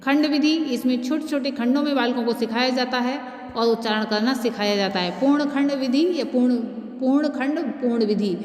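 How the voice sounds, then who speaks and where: A woman with a slightly high voice lectures as a teacher, explaining each point in a steady, measured way. She slows down when she recites verses. Her voice rings out in a roomy space with a long reverb tail. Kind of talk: lecture explaining Sanskrit pronunciation methods. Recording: echoey room with long reverb.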